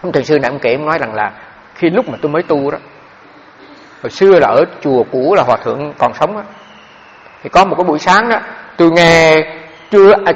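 Fast, gravelly monk preaching in a hall. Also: male voice, on the high side. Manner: animated, addresses listeners directly. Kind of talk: dharma talk with storytelling. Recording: dull, echoey hall.

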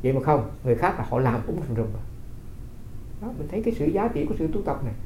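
A Buddhist monk giving a dharma talk, telling stories and asking rhetorical questions. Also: male voice, a little high, very animated, racing, dark tone, slight background noise. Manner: conversational storytelling with rhetorical questions. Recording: roomy, slightly dull recording.

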